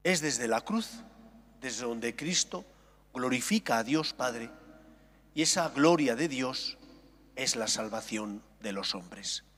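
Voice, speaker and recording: Slow-speaking priest in cathedral-like echo. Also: male voice, mid-range voice, lively intonation, fairly bright tone. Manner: slow, measured, deliberate phrasing. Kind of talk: solemn liturgical reading and homily. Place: large echoing church. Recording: echoing cathedral-like hall, long reverb.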